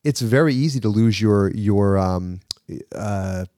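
A man's voice: lowish voice, measured pace, mellow, no room sound. Rambling New York man, dry sound. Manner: rambling, with many fillers and restarts. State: recovering from a cough. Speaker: podcast co-host. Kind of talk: casual podcast chat.

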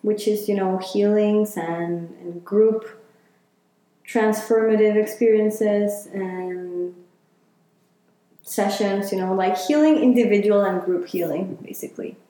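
Slow, mellow woman from Chile. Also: mid-range voice. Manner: reflective, talks with many fillers. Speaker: interviewee, healer. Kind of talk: casual interview. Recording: very echoey room.

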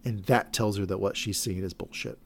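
A man's voice: fairly low pitch, fairly even intonation, fairly quick, creaky. A man co-hosting a podcast, recapping a TV episode in a rambling, self-correcting way and speculating about what comes next. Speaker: podcast co-host.

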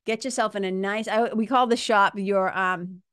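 With a mid-range, fairly bright, clear and resonant voice, a female podcast host and coach delivers a motivational talk at a moderate pace and fairly even intonation. Her language is informal, salty and emphatic, and the studio recording has no echo.

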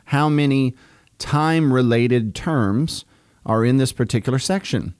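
Pastor guy teaching the bible on a podcast, calm and deadpan, dry sound. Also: medium pitch, clear, resonant tone, dry recording. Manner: measured, explanatory, deadpan. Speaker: pastor and co-host.

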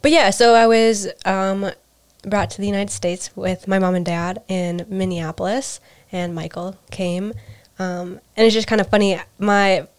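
A woman's voice: medium pitch, steady tone, unhurried, smooth. A woman from Peru co-hosting a podcast, telling personal stories in a hesitant, reflective way. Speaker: podcast co-host. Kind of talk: casual personal storytelling.

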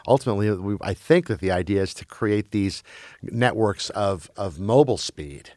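A man with a lowish voice, chatting loosely about film and streaming. He grew up in Belgium, and he restarts his sentences and hunts for words as he goes. The sound is dry and close. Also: animated, dark tone, no room sound. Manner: halting, many restarts and fillers.

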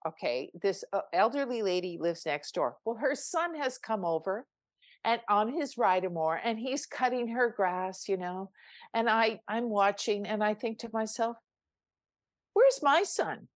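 An older woman speaks as a spiritual coach on a podcast, earnest and emphatic, often restarting her sentences. Her voice sits at a middle pitch. The sound is dry and close. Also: lively intonation, normal speed, dry recording. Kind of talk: podcast guest storytelling.

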